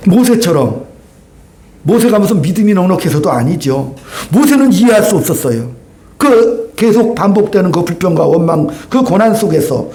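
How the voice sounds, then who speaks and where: High-voiced animated Korean pastor preaching. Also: male voice. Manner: animated, acts out dialogue, asks the congregation questions. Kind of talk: sermon. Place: church sanctuary.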